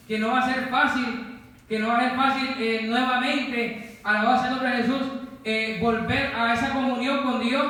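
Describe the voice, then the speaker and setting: High-voiced man preaching in an echoey church. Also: pushed and bright. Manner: repeats phrases for emphasis, calls out to the congregation. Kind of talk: sermon. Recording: echoey church hall with long reverb.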